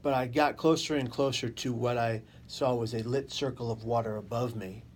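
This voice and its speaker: A man telling his own story as an interview guest, in deliberate, dramatic short phrases that he repeats for emphasis. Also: mid-range voice, steady tone. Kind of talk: personal testimony in an interview. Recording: faint background noise.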